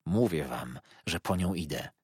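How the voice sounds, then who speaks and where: Here is a man reading as a grief-stricken old fisherman whose voice is hollow and dull with shock before it hardens into fierce resolve. The voice sits very low with a husky grain. The recording is close and dry. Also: animated, a little slow, a little mellow, no room sound, exaggerated voice. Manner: hollow, dull delivery turning vehement. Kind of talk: audiobook character reading.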